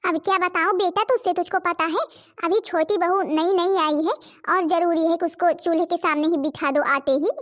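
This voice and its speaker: A woman voicing a sharp-tongued, scolding village mother-in-law in a cartoon, nagging and accusing. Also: very high voice, moderate pace. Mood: angry. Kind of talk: cartoon voice acting.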